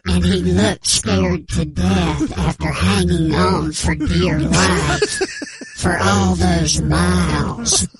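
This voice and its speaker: On a comic sports radio bit, a man plays an anonymous male informant with a disguised voice, speaking slowly, solemnly and mock-dramatically. His steady voice sits high over a loud crowd, with a grave, mock-secretive mood.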